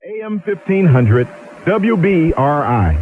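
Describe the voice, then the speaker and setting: A man's voice: fairly high pitch, very animated, takes it slowly, over music. Tinny clock-radio man announcing station ID. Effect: tinny clock radio sound. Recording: tinny radio playback with hiss.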